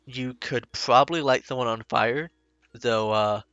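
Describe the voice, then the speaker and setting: A man narrating as game master of a tabletop game, laid-back and halting. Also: medium pitch, a bit bright, clean tone, dry recording, highs cut off, faint music behind.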